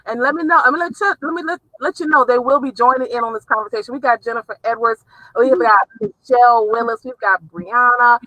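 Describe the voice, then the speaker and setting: Bright New Orleans woman host. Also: a little high, fast, dry recording, low-quality recording. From South Louisiana. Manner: enthusiastic, laughing, talkative. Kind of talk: casual interview chat.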